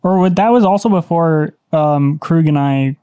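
Male tabletop player, soft-edged dark tone, dry recording, playful casual commentary. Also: on the high side, moderate pace, clean tone, dry recording. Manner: playful, throws in sound-effect words. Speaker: tabletop roleplaying game player.

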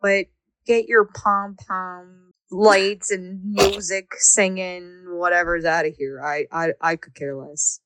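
A woman's voice: on the low side, slow pace, no echo. A woman co-hosting a casual podcast, telling stories with lots of fillers and strong opinions. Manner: animated storyteller, lots of fillers. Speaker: podcast co-host. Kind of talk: casual chat.

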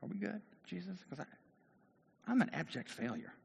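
A man's voice: on the low side, steady tone, unhurried. Man doing a sheepish, ashamed disciple. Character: adult male disciple, ashamed, unsure. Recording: long hall reverb.

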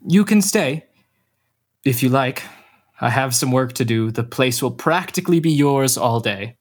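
A man in a student radio drama playing a gentle, patient uncle who speaks calmly and reassuringly. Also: medium pitch. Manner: calm, reassuring, measured.

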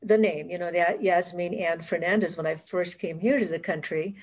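Woman guest with a West Indian accent, slightly low voice, laughing storyteller on a video call. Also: fairly even intonation, moderate pace. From Caribbean. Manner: warm storytelling, laughs often. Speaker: author guest. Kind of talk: casual interview conversation.

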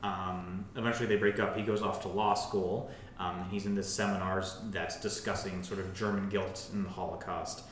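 A man's voice: flat delivery, moderate pace, hardly any pauses. A man hosting a casual film podcast, summarizing a plot and filling his talk with "like" and "um". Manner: filler-heavy, says "like" constantly. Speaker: podcast host. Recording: very echoey room, faint rumble.

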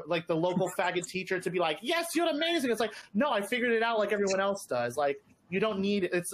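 A man's voice: high-pitched, a bit bright, a little hiss or hum. A man in his thirties talking in casual group chat, chatty and sarcastic, full of "like" fillers. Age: 30s.

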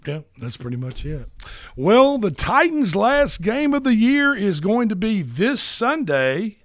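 A man's voice: sits high, big pitch swings, unhurried, dry recording, clean studio sound. A man hosting a sports radio show, chatting casually and rambling with repeats.

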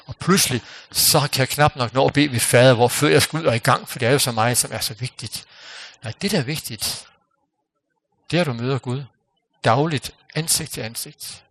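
Gravelly man preaching earnestly. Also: medium pitch. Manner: earnest, pausing, drops to quiet near-whisper for emphasis. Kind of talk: sermon with closing prayer.

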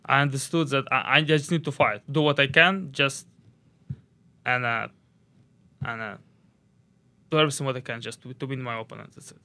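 A young man from Belarus, a boxer guest on a podcast studio interview, talking in halting, searching English. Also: mid-range voice, fairly even intonation, sharp tone. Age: young adult. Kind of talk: casual interview.

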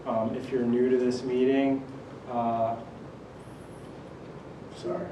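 A man from Connecticut hosting a casual group meeting, relaxed and hesitant with many fillers. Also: medium pitch, slow pace. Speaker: meeting host. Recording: echoey room, mic far off, loud noise.

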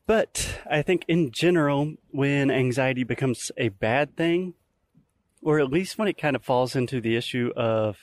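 Recorded on a walk outdoors in nature, this podcast host, a man in his early thirties, talks in a relaxed, explanatory style. His voice sits in the mid range, with no echo.

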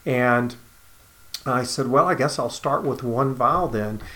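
رجل يروي قصته بلهجة تكساسية. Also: male voice, medium pitch, slow, a bit bright. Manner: earnest storytelling, acts out dialogue. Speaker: cancer survivor telling his story. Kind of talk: personal testimony.

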